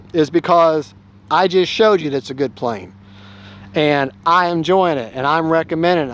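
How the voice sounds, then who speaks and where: A man chatting casually about his model plane, rambling and folksy, often correcting himself. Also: a little high. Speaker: RC plane hobbyist vlogger. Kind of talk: casual review chat.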